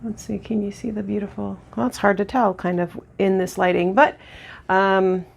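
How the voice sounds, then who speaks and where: A woman walks through a lash tutorial in a relaxed, chatty way, full of ums and little restarts. Her voice has a gravelly, creaky edge at a middling pitch. She sounds close to a camera mic while she works. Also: normal speed. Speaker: lash artist instructor. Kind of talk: casual tutorial demonstration.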